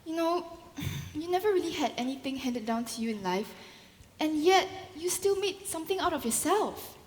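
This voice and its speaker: Girl acting keen earnest rich daughter, high stagey voice, echoey hall. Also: lively intonation, normal speed, a little mellow. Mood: pleading. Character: earnest, eager young rich gallery daughter.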